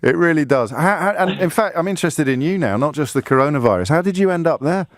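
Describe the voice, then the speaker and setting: A man's voice: fairly high pitch, animated, fast, no echo, studio quality. A man hosting a radio phone-in, conversational and articulate, interjecting wryly as he questions his caller.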